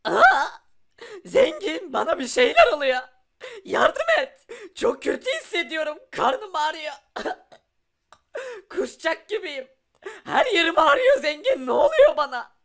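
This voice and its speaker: A woman's voice: very high voice, very animated, takes it slowly, vocal fry, long pauses, fairly bright tone, full character voice. A woman voicing a small, whiny poor boy in a Minecraft cartoon, giggling and whimpering through her lines. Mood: panicked. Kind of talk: Minecraft animation voice acting.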